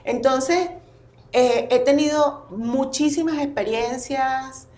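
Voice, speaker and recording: A woman's voice: high voice, slow pace. A woman, a therapist talking animatedly as a podcast guest. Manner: expressive, animated storytelling. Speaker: family constellations therapist, guest. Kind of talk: casual podcast conversation. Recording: roomy echo.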